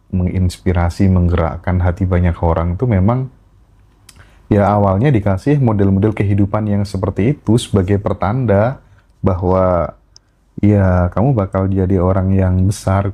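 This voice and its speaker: A man's voice: low-pitched, dark tone, lo-fi sound. A man hosting a podcast, asking reflective questions in a casual chat. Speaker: podcast host.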